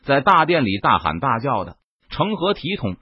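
Male narrator as commanding sect deputy leader, stern and clipped, husky, dry dull recording. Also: medium pitch, big pitch swings, moderate pace, dry recording.

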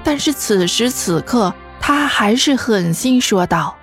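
A woman narrating a fan audio drama in an even storytelling manner. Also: on the high side, a little slow, faint music behind. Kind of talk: scripted narration.

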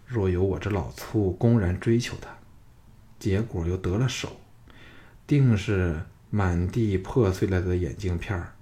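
A male reader voicing a wry, self-mocking rough-mannered young man in a storybook reading. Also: low-pitched, measured pace, mellow.

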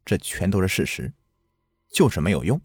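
Low-voiced man telling a ghost story. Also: sing-song, moderate pace, breathy edge, no echo, studio quality, soft background music. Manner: earnest, recounting a childhood village memory. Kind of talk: first-person ghost story narration.

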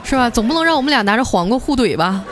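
A woman's voice: fairly high pitch, very animated, rapid-fire. A woman hosts a comic storytelling podcast, chatty and joking. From Northeast China. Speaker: podcast host. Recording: music bed under the voice.

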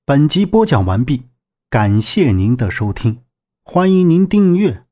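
A man narrating a martial arts novel as an audiobook, in an animated, dramatic reading. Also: medium pitch, unhurried.

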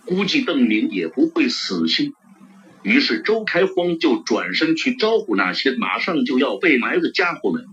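Expressive male audiobook narrator. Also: medium pitch. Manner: expressive storytelling. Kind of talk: novel narration. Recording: dull lo-fi recording.

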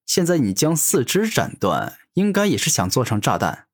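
A man voicing an arrogant young male hero who talks in a calm, teasing way in an audiobook. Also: mid-range voice, normal speed. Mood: mocking. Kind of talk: audiobook character voice.

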